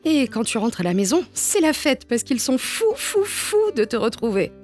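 A woman reading a children's storybook aloud with gentle, expressive storytelling. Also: a little high, moderate pace, soft background music. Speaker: storybook reader. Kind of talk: read-aloud picture book narration.

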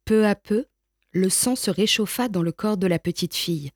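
A woman reading a storybook aloud in a calm, measured, unhurried way. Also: mid-range voice, no echo, clean studio sound.

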